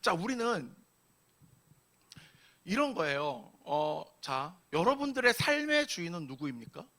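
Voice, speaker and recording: Animated, bright-voiced young male pastor. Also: high-pitched, unhurried. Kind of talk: sermon. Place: church sanctuary.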